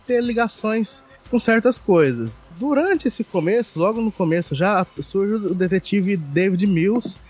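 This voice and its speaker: A man co-hosting a casual film chat, summarizing the story in a halting, explanatory way. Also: high voice, animated, a little mellow, slightly rough, faint music behind. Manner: halting, explanatory, restarts often. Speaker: podcast co-host.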